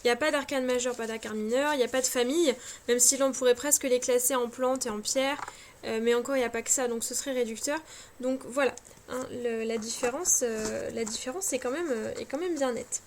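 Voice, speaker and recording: Woman, high voice, casual home vlog, hesitant, fillers, self-mocking, tired, faint background scratching. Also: steady tone, fairly quick, a little hiss or hum. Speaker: cartomancy vlogger. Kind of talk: casual chat showing card decks.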